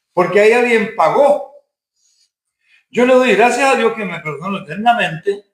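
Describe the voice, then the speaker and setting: A man's voice: sits high, a bit bright, reverberant, rough recording. A man preaching a Sunday school sermon in a church, firm and full of rhetorical questions.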